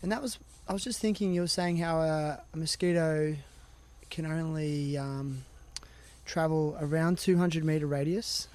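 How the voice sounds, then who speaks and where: A man's voice: a little high, steady tone, unhurried, a little mellow. A man hosting a podcast interview, asking long questions in a chatty way and thinking aloud as he goes. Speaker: podcast host. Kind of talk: casual interview chat.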